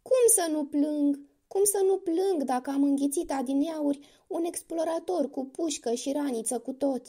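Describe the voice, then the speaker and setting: A woman's voice: sits high, animated, dark tone, pitched above the performer's own voice. A woman voicing a sly male crocodile who wails theatrically with fake remorse, in a children's story. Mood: wailing. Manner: wailing, theatrical lament.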